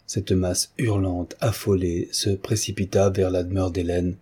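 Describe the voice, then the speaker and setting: A man reading a novel aloud in measured, literary audiobook narration. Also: sits low, flat delivery, mellow, slightly rough.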